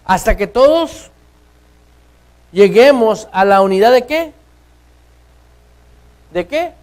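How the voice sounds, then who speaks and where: A man preaches a sermon in church. He keeps throwing rhetorical questions at his listeners. His delivery rises to loud, urgent stretches and then drops to hushed, slow lines. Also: sits high, animated, low-quality recording. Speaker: pastor.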